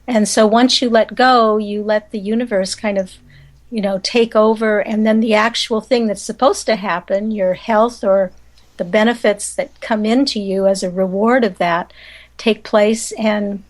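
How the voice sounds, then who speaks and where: A woman's voice: medium pitch, fairly even intonation, unhurried. A woman from the United States, a guest on a radio interview, talking in an earnest, reflective way. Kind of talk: casual interview.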